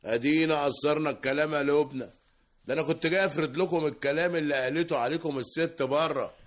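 A man's voice: a little high, steady tone, quick pace, lightly acted. A man playing a cheeky meddling barber. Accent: Egyptian Arabic. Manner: cheeky, flirtatious. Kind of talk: radio drama acting.

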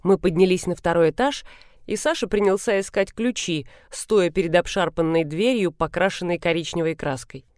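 A woman's voice: lowish voice, normal speed, darkish tone, no echo. Woman narrating an audiobook, dry sound. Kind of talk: first-person audiobook narration.

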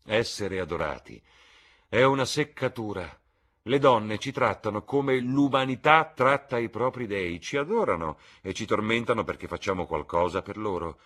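A man voicing a witty, cynical aristocratic gentleman in an audiobook reading, with a husky voice and a drawling, ironic delivery. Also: lowish voice, expressive, normal speed, voice pushed up.

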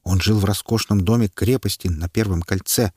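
A man's voice: fairly low pitch, a little fast, slightly rough, no echo, clean studio sound. A man narrating an audiobook expressively and voicing all of its figures. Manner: expressive reading, playing every figure.

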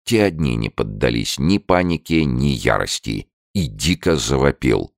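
Very deep gravelly male audiobook narrator. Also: very animated, unhurried, dry recording, studio quality.

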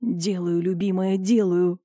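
A devoted husband and army major who talks softly and carefully, as a woman narrator lowers her voice for him. He is warm toward his wife even when alarmed. The reading is close-miked and dry. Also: a little slow, no echo. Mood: soothing. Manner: soft, placating.

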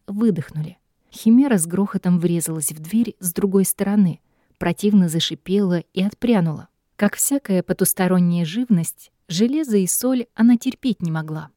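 A woman narrating a first-person story in a steady storytelling manner, recorded close to the mic. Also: medium pitch, dry recording. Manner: steady storytelling, lightly voices dialogue. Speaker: audiobook narrator.

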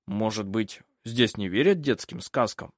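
A self-assured older French baron from an audiobook, read by a man. His husky voice moves lively through its range, recorded dry and close. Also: lowish voice, unhurried, no room sound. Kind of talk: audiobook character reading.

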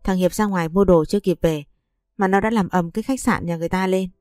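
A woman's voice: fairly low pitch, quick pace, darkish tone, dry recording, lightly acted. Woman reading as a cold scheming mother-in-law. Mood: scolding. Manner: curt, dismissive.

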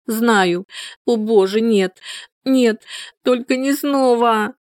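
A woman's voice: on the high side, takes it slowly, no room sound, clean studio sound, voice pushed up. A woman voicing a young woman in labor, strained and pleading, in an audiobook. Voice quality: strained, breathless. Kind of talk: audiobook character voice.

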